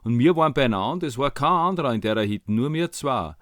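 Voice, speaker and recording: A man narrates a story in broad Viennese German. His wording is colloquial and slangy, in the way of a dialect storyteller. His voice sits at a middle pitch, and the sound is dry with hardly any room. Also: lively intonation, fairly quick, fairly bright tone, no room sound. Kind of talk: dialect storytelling of a Bible tale.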